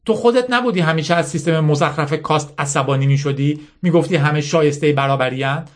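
A man's voice: a little high, natural voice. A man voicing an earnest, idealistic young girl who speaks in a hesitant, pleading way.

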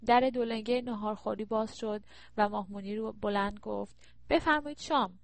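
Gravelly woman narrating a novel. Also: medium pitch, dry recording. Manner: steady, descriptive storytelling. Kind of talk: audiobook narration.

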